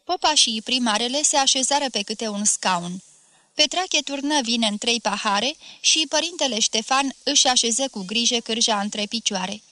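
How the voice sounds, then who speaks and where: Woman, storybook narrator, steady measured reading, bright, dry close recording. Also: on the high side, no room sound. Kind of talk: reading a classic story aloud.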